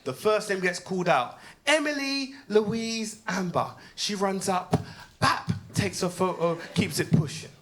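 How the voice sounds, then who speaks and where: A British man, performing a stand-up comedy set, swinging between low deadpan asides and loud laughing punchlines. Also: normal speed. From United Kingdom.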